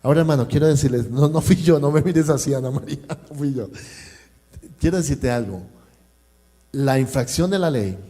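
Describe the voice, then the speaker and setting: A man with a Colombian accent preaches to his congregation at a church service. He tells a personal story and acts out each person's lines as he goes. His voice has a warm, mellow tone. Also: mid-range voice. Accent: Colombian Spanish. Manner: storytelling, acting out dialogue and addressing the congregation. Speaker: pastor. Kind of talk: sermon with personal anecdote.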